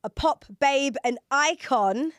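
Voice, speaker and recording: A woman's voice: sits high, slow, no room sound, studio quality. A woman hosting a casual interview, playful and teasing. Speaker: host.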